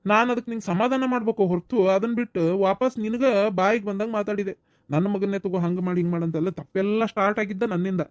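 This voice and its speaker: A man's voice: sits high, fairly even intonation, quick pace, no room sound, studio quality, natural voice. A man with a North Karnataka Kannada accent voicing a humble younger brother who talks in an earnest, apologetic, pleading way. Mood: remorseful.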